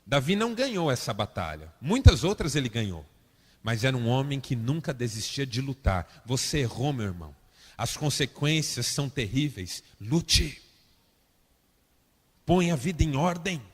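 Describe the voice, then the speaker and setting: A man's voice: very animated, moderate pace, breathy edge, in a large hall. A man preaching a sermon as a pastor, dramatic and acting out the voices of people he quotes. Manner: dramatic, acts out quoted voices with big swings of pitch and loudness.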